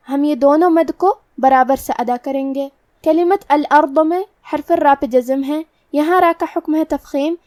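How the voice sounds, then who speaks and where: A woman teaching Quran recitation rules, explaining pronunciation slowly and methodically. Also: high-pitched, a little mellow, no room sound, clean studio sound, distant mic. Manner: slow, careful, methodical explanation. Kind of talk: tajweed lesson, explaining letter rules.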